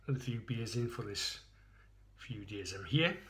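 A man's voice: fairly low pitch, animated, measured pace, a bit bright, slight background noise. An Englishman chatting casually through a beer tasting, rambling and poking fun at himself, recorded as a handheld phone video indoors. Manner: chatty, rambling, self-mocking. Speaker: beer reviewer.

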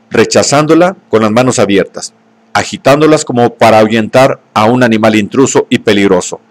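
A man reading a novel aloud in scripted narration, at a steady, measured pace. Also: mid-range voice. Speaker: audiobook reader.

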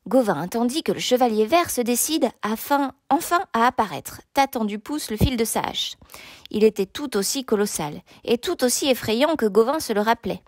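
A woman narrates a storybook chapter aloud in a steady, expressive reading. Her voice sits a little high, and the recording is dry and close. She paces the tale evenly from line to line. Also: normal speed, dry recording. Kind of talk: audiobook narration.

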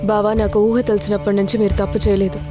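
A woman plays an earnest young woman of a forest tribe in a film. She talks quickly and pleads, while score music plays behind her. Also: medium pitch, level tone, lightly acted. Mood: pleading. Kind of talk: film dialogue. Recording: film soundtrack with music underneath.

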